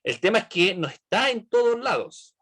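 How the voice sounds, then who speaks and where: A man's voice: high-pitched, big pitch swings, moderate pace, a bit bright. A man leading an online Bible study, asking the group questions and checking in with "right?".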